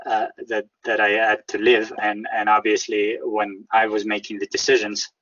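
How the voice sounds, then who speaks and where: A man with a Russian accent answering interview questions in a halting, careful way, often repeating words as he searches for phrasing. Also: lowish voice, monotone, a bit bright, dull audio. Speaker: interview guest, whistleblower. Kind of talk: conversational interview.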